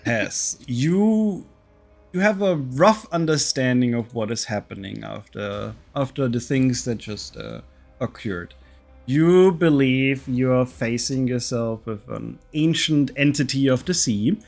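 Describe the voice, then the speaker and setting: A man narrating a tabletop game as game master, slow and often laughing. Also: mid-range voice, lively intonation, vocal fry, a little mellow, soft background music.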